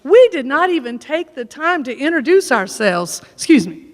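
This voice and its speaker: A woman's voice: sits high, normal speed. A woman, a chorus singer, telling a folksy, funny story to a church audience. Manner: folksy, animated joke-telling. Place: church sanctuary. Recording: echoey church hall.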